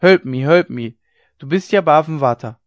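A man's voice: normal speed, no room sound, muffled recording, close to an everyday voice. A man voicing a dying old woman who shrieks desperate pleas from her deathbed. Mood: frantic. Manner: shrill desperate cries.

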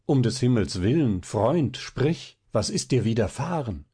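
A man's voice: medium pitch, big pitch swings, a little slow, mellow, slightly rough. A male reader voicing a worried young man who asks urgently and earnestly in an audiobook.

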